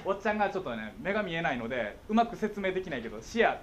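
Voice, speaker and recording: Lively, playful Kansai-accented man. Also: fairly high pitch, very fast, slight background noise. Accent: Kansai Japanese. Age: middle-aged. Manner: playful, jokey, keeps checking understanding. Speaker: guest speaker on visual impairment. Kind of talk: talk to schoolchildren.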